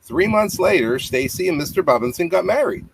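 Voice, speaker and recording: Lively intonation and a brisk pace mark this man's high-sitting voice as he reads a children's bedtime story aloud. In his fifties and a parent, he offers simple explanations for young listeners. He is in a small home room with a low tiled ceiling, on clearly noisy webcam audio with clicks.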